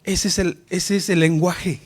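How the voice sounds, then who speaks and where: A man's voice: high-pitched, level tone, a little slow. A man preaching a sermon to his congregation, rising and falling for emphasis and often calling out to his listeners as brothers.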